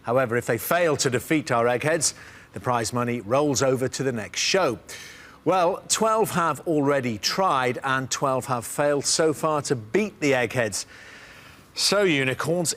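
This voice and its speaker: A man with a medium-pitched, slightly bright voice hosts a TV quiz show, presenting from the studio. He announces in an upbeat, theatrical way.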